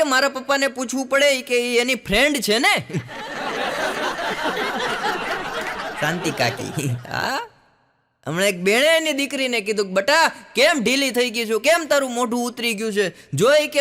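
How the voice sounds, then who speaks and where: A man with a Kathiawari Gujarati accent tells jokes on stage in a high, bright voice. He shifts quickly into the voices of the people in his jokes. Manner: lively storyteller, putting on other people's voices. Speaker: stand-up comedian. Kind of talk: Gujarati stand-up joke telling.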